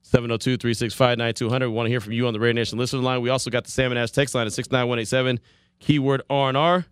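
A man's voice: medium pitch, level tone, very fast, clear, resonant tone, no room sound, clean studio sound. A man hosting a sports talk radio show, chatting casually, repeating himself and laughing easily. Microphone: studio microphone.

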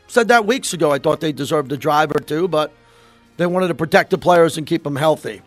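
A man's voice: fairly high pitch, expressive, a little fast, no echo, soft background music. An American man hosting sports talk radio, giving emphatic opinions and repeating phrases for emphasis into a close studio mic. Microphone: close studio microphone.

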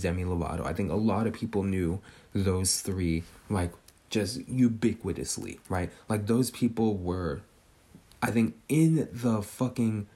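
A podcast host in his twenties muses casually in a speculative monologue, tagging almost every sentence with "right?". His voice is fairly low-pitched and warm.

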